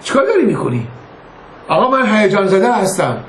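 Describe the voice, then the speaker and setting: A man's voice: high voice, sing-song. An older man, a rabbi, giving an informal religious lesson in a conversational way, telling stories and acting out their dialogue. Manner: conversational, anecdotal, acts out quoted dialogue. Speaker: rabbi teaching a class. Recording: echoey room with faint noise.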